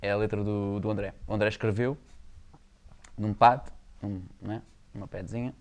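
A man's voice: lowish voice, steady tone, moderate pace. A man with a European Portuguese accent, hosting a casual chat in an informal, slangy way. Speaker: show host.

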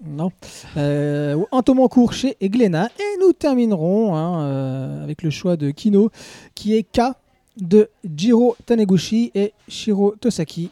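A man hosting a podcast live from a café, joking around and filling pauses with "uh". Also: sits high, animated, dark tone, no room sound. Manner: joking, with many hesitant fillers. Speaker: podcast host. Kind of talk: casual podcast chat.

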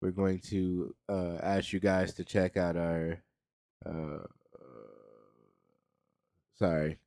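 Joking low-voiced man on a podcast. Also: flat delivery, takes it slowly, darkish tone, no echo, clean studio sound. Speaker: podcast co-host. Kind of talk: casual podcast banter.

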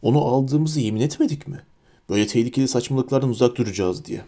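Gruff grumpy uncle barking orders, read by a guy, kinda mellow dark tone, storybook reading. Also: mid-range voice, fast talker, lightly acted. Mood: irritated. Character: blustering middle-aged uncle, bad-tempered.

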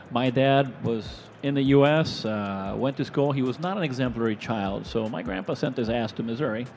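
A Venezuelan man in his forties, speaking at medium pitch and a moderate pace, tells his story as a guest on a live expo stage. He's a product manufacturer who rambles casually and animatedly, acting out the voices he quotes. There's slight background noise.

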